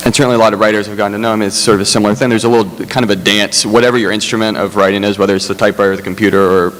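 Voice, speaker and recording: A man speaking as a screenwriter on a festival panel, halting and self-deprecating, with many restarts. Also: fairly low pitch, steady tone, fairly bright tone. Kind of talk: panel discussion. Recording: hall reverb, faint hum.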